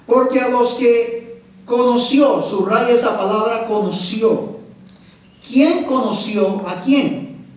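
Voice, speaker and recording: A man's voice: high-pitched, darkish tone. A man preaching a sermon as pastor, emphatic and often asking the congregation questions. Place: church sanctuary. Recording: echoey church hall from far off.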